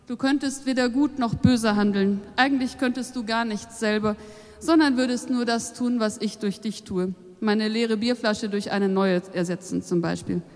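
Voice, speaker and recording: A woman's voice: on the high side, moderate pace, darkish tone, lightly acted. A woman voicing an easygoing, grumbling, beer-drinking God in offhand colloquial speech, in a long hall reverb.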